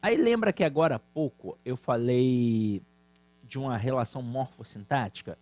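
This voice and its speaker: A man with a Brazilian Portuguese accent teaching an exam-prep grammar lesson, lively and emphatic, speaking straight to his students. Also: medium pitch, moderate pace, dry recording. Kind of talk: recorded online exam-prep lecture.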